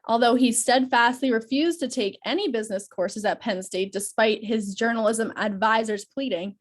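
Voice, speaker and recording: A woman's voice: a little high, normal speed. Nasal young woman reading bios. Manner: friendly, reads at a steady pace with fillers. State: congested, nasal from a cold. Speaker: student moderator of a roundtable. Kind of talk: reading guest bios on a video call. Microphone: video call.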